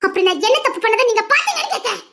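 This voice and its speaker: A woman's voice: very high-pitched, big pitch swings, rapid-fire, creaky, pushed and bright, exaggerated voice. A young woman with a Tirunelveli Tamil accent playing a defiant wife, protesting tearfully and repeating herself. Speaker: young wife in a family drama. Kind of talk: family drama acting.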